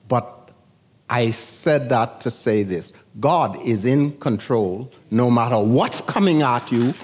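This older Bahamian preacher has a darkish tone and a medium pitch. In his sermon he narrates a personal story with deliberate, storytelling pacing, voicing the people he heard along the way.

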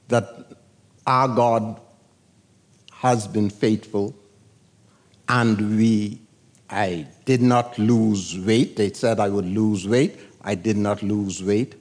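In a medium-pitched voice, an older Bahamian pastor preaches and relates a personal story. His telling is measured and story-like, and he acts out the voices he heard.

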